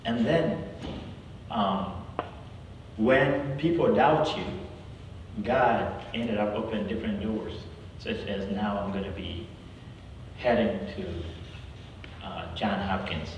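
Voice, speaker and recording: A man from South Sudan speaking as a guest at a university, earnest and halting, with frequent restarts. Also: fairly low pitch, a little hiss or hum. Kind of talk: campus talk with prayer and personal story. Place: large hall. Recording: echoey hall from far off.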